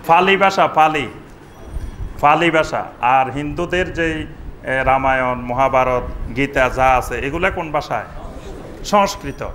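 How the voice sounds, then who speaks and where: Middle-aged preacher, high voice. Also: male voice, a bit bright, a little hiss or hum. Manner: explanatory, repeats key words, asks the audience rhetorical questions. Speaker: preacher giving a Friday sermon. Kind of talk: sermon.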